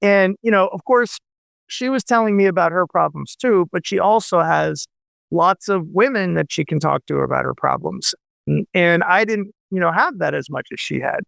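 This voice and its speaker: A novelist in his forties rambles through a relaxed radio interview, leaning on fillers and frequently restarting. His voice is high and creaky, a bit bright, at normal speed, with no echo in the recording.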